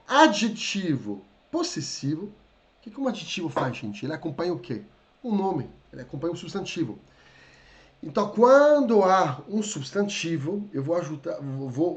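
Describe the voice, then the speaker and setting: Lively hoarse-ish male teacher. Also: a little high. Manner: lively, addresses viewers as "gente", frequent "tá?" check-ins. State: slightly hoarse, coughing a little. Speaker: French teacher. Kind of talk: live online lesson.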